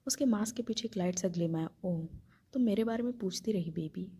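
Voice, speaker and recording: A woman's voice: medium pitch, brisk, dark tone, slightly rough, no echo. A woman retelling a novel aloud, reading the narration along with the characters' dialogue.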